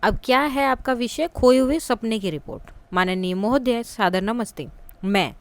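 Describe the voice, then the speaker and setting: A woman's voice: on the high side, normal speed. A woman teacher going through a textbook chapter step by step, explaining patiently and checking in with her listeners.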